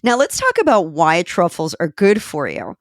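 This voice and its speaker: A woman's voice: on the low side, very animated, moderate pace, no echo, clean studio sound. A woman hosting a solo podcast, talking in a chatty way with self-deprecating asides and a few fillers. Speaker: podcast host.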